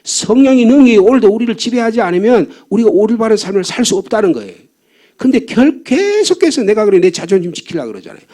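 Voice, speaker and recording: Older man, pastor, fervent sermon, high lively voice, mellow tone. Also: quick pace. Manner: fervent preaching with rhetorical questions and repetition. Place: church sanctuary.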